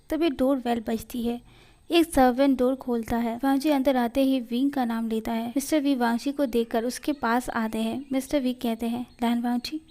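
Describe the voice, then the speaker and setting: High-voiced woman reading a fanfic story. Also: dark tone. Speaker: story reader. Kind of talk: fan fiction read aloud.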